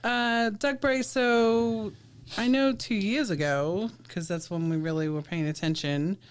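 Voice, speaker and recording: A woman co-hosting a casual live cruise stream with her partner, affectionate and quick to laugh. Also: mid-range voice, steady tone, slight background noise. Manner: affectionate, laughs often, short replies. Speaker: co-host of a live cruise show.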